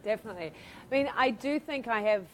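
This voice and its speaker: Fast and animated, a middle-aged New Zealand woman speaks as a guest author in an interview, full of enthusiasm and frequent laughter. Her voice is slightly high, and there's a faint hiss or hum on the recording.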